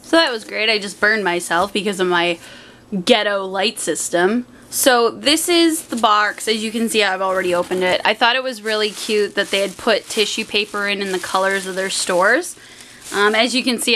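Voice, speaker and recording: It's nighttime in a small room at home, and a Canadian vlogger in her twenties unboxes and reviews items in a relaxed chat, her mid-range voice kept fairly quiet so as not to wake someone sleeping close by. A camera mic a short distance away records her, with faint noise in the background.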